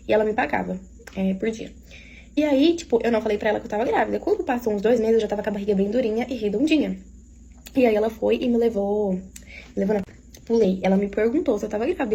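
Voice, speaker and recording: A woman's voice: mid-range voice, creaky, dark tone, a little hiss or hum. A woman with a Minas Gerais accent telling her own story to her audience in a casual, confiding way and often speaking to the listeners directly. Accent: Minas Gerais Portuguese.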